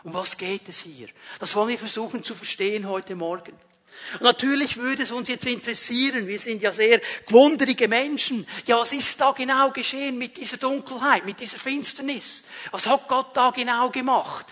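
Male preacher, very high voice, emphatic and rising in force through repetition. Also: normal speed. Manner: emphatic, building to loud repeated phrases. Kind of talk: sermon.

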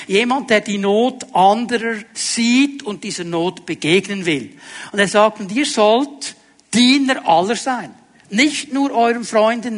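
A man preaching a sermon, asking his listeners direct questions and dropping to a hushed voice for emphasis. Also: high voice, in a large hall. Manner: dramatic, drops to a hushed voice for emphasis.

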